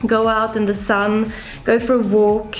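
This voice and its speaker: A woman's voice: on the high side, little pitch movement, a little slow, soft background music. A young woman talking casually in her home kitchen, chatty and full of "like", as a vlogger. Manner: chatty, peppered with "like".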